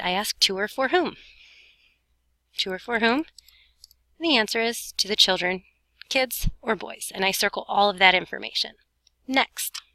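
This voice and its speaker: A woman's voice: mid-range voice, bright, forceful tone, no echo, poor audio. A woman teaching a grammar lesson step by step in an informal way, breathing heavily and short of breath as she talks. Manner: breathing heavily while talking; informal, talks students through each step, self-correcting. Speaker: Spanish teacher recording an explanation for students.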